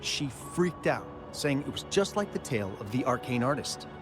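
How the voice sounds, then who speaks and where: With game music playing underneath, a man voices a nervous young miner who rambles on about what he saw in a cutscene. His mid-range, sing-song voice stays close to an everyday one. He's skittish and talkative, slowing down when the monsters come up.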